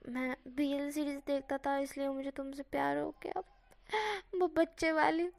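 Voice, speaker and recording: A woman voicing a shy young man who is easily embarrassed, speaking softly and hesitantly. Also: high voice, little pitch movement, normal speed, creaky. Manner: soft, hesitant, pleading.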